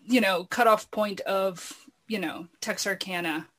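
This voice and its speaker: A woman's voice: medium pitch, measured pace, fairly bright tone. A woman chatting casually and discursively, often padding her thoughts with "you know". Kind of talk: casual chat.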